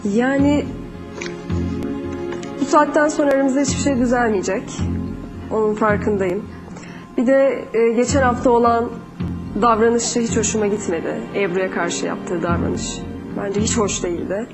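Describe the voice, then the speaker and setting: A woman reality show contestant explaining her vote, measured and disapproving. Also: a little high, music in the background. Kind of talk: explaining a nomination.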